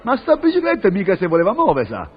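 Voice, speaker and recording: A man's voice: high voice, wildly swooping pitch, quick pace. A man telling a rustic comic monologue in first person, rambling and indignant, full of rhyming curses. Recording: lo-fi recording with faint audience.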